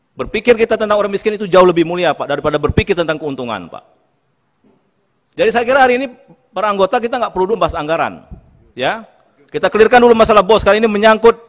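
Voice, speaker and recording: A man's voice: high voice, fairly bright tone. A man chairing a parliamentary committee hearing, pleading emphatically and repeating his address to the minister again and again. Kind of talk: impassioned hearing speech. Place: large parliamentary meeting room. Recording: long reverb in a hearing chamber.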